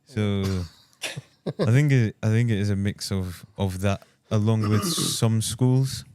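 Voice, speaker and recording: A man hosting a podcast, talking in a relaxed, easygoing way and often repeating words as he starts a sentence. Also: on the low side, slow, background noise. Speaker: podcast host. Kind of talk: casual conversation.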